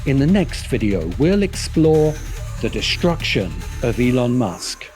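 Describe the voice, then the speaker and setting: A video essay host with a medium-pitched, darkish, very animated voice reads scripted polemical commentary at a measured pace. He comes across as dramatic, scornful and emphatic, with background music behind him.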